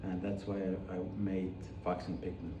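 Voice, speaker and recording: A deep-voiced man in his forties from Iceland, showing little pitch movement and a moderate pace, walks through his painter's materials in his studio, his talk chatty, meandering, and full of self-corrections. The highs are cut off, and the distant mic captures heavy studio echo plus noticeable background noise.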